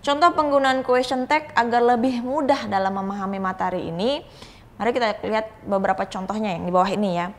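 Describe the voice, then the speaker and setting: A woman English lecturer giving a recorded video grammar lesson in a casual, explanatory way, often pausing on "eh" and slowing to stress example phrases. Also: mid-range voice. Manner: casual explanatory teaching with frequent "eh" fillers and tag-like "gitu ya".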